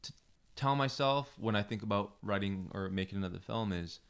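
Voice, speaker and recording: A man guesting on a podcast, his voice sitting low. He speaks in a reflective, searching way, stumbling over a word now and then as he thinks. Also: brisk, fairly bright tone, clear, resonant tone. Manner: reflective, thoughtful, stammers a little. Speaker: filmmaker guest. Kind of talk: casual interview conversation.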